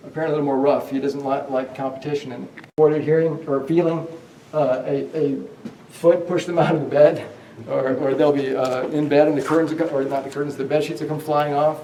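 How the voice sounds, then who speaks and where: Guiding guests along the hotel hallway on a ghost tour, this man rambles through his stories, restarting often and filling pauses, though he speaks briskly with few actual breaks. His voice is a little high and warm with fairly even intonation, picked up off-mic from a distance with echo and slight background noise.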